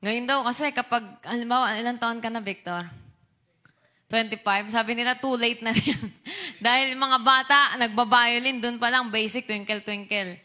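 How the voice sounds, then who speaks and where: A young woman preaches to a youth group in loose, chatty Taglish, often turning questions to the listeners. Her voice is bright and forceful and sits a little high. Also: fairly even intonation, normal speed. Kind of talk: youth sermon.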